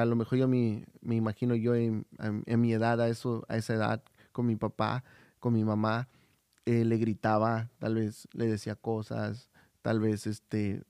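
A man's voice: lowish voice, darkish tone, clean tone, no echo, studio quality. A man co-hosting a podcast in casual chat, hesitant with frequent fillers and restarts, telling personal stories. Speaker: podcast co-host.

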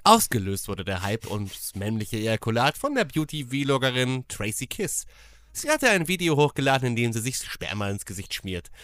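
A man hosts a casual comedy podcast. His bright voice moves animatedly up and down, with a dry, close sound. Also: medium pitch, very animated, moderate pace, dry recording. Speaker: podcast host. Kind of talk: casual comedic podcast talk and reading aloud.

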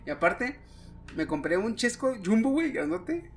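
High-voiced Mexican man, slangy storyteller. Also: sing-song, moderate pace, vocal fry, a little hiss or hum. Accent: Mexican Spanish. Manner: slangy, swears a lot, tells stories with voices. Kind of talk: casual chat.

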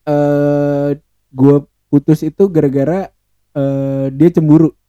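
Young male guest, casual storyteller, mellow tone, slangy, dry close recording. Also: on the high side, level tone, slow, clear, resonant tone, no echo, dull audio. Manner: slangy, swears often, laughs easily. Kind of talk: casual podcast chat.

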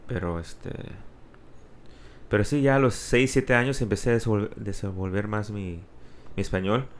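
A man tells personal stories casually, halting and restarting words, now and then slipping into Spanglish. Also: lowish voice, a little hiss or hum. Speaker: interview guest.

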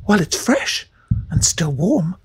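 A man's voice: high-pitched, sing-song, measured pace, slightly rough, voice pushed up, exaggerated voice. A man voicing an old witch woman who sweetly coaxes a child inside for biscuits. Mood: coaxing. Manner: sweet, coaxing, insistent.

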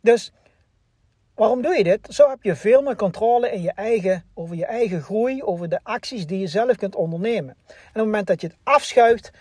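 A man's voice: sits high, animated, a little fast, a little mellow, slightly rough, no echo, clean studio sound. A man hosting a personal development podcast, talking earnestly with many restarts and fillers. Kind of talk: motivational podcast monologue.

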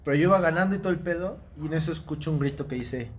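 A young man with a Mexican accent, telling an animated, slangy story in casual chat. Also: on the high side, very fast, a little hiss or hum.

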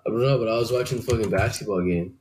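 A man's voice: on the low side, rapid-fire, a little mellow, husky. A young man co-hosting a podcast, laid-back, swearing casually and giving short replies. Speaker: podcast co-host. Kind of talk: casual chat.

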